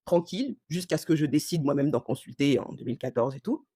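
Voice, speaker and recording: A woman hosting a casual storytelling podcast, animated and slangy, acting out the dialogue as she tells it. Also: low-pitched, quick pace, slightly rough, no room sound, clean studio sound. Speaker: podcast host.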